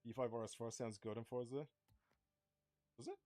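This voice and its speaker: A man's voice: medium pitch, moderate pace, darkish tone, no room sound. A young man casually streaming a racing game. He rambles, swears freely, talks to his viewers and says he is starting to lose his voice. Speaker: gaming streamer. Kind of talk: casual live-stream commentary.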